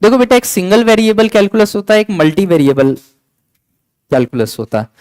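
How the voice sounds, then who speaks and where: A physics teacher lectures in a chatty, coaxing way, repeating points and teasing his students. His voice sits fairly high. The sound is dry and close, with no room echo. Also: sing-song, a little fast, a little mellow, clean tone. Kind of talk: classroom lecture.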